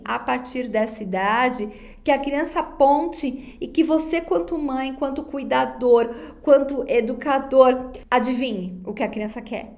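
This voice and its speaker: Woman lecturer, high voice, didactic, talks straight to her students, recorded online class. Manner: didactic, addresses students directly, acts out parents' baby talk. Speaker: psychology lecturer.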